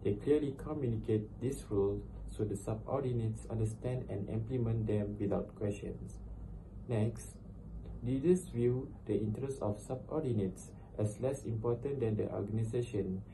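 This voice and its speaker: A young man gives a scripted student presentation in a slightly low voice. He sounds away from the microphone, with clear noise behind him. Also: moderate pace. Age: young adult. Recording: distant mic with clear noise.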